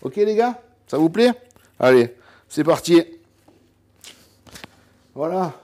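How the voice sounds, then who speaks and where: A man's voice: a little high, sing-song, slow, dark tone. A man from southern France with a southern French accent, chatting casually through a cooking vlog, rambling, joking and saying "voilà" constantly. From Cévennes, southern France. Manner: talks straight to the viewer, jokes and laughs at himself. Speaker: home cook and hunter.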